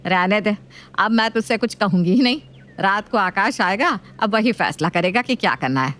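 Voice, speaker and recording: A woman's voice: expressive, a bit bright, lightly acted. Woman doing a nagging old mother-in-law. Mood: scolding. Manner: scolding, slow and lower-voiced.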